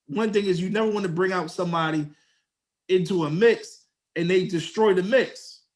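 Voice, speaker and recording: A man's voice: high voice, normal speed. A young man, co-hosting a podcast and telling a story in slangy casual chat, acting out quotes in a raised voice. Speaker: podcast co-host.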